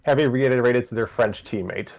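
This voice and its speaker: A man with a brisk, mid-range voice and some vocal fry narrates a story informally on a livestream, with faint music behind him. It's a casual read-aloud where he trips over words, goes back over phrases and throws in jokes.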